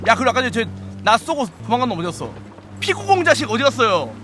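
Young man, game streamer, excitable commentary, mouth gunfire sounds, very lively pitch, faint music behind. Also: fast talker. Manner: playful, mimics gunfire sounds, frequent exclamations.

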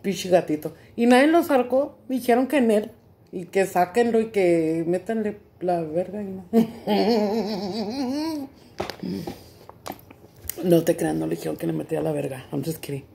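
A woman's voice: medium pitch, animated, a little slow, vocal fry, long pauses, warm tone, a little hiss or hum. A middle-aged woman with a Mexican accent, chatting casually to her viewers at home, mixing English and Spanish with crude slang and plenty of laughter. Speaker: vlogger. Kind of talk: casual chat to camera.

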